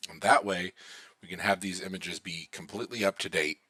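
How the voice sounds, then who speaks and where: Man, low bright voice, relaxed screen-recording tutor thinking aloud. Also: fairly quick. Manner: relaxed, thinking aloud while watching installs. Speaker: IT instructor.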